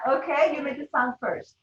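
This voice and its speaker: A woman leading teachers through a classroom game, giving quick, instructive directions and laughing often. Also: high voice, heavy background noise. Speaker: teacher trainer. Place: classroom or training room. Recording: roomy, distant, dull classroom sound.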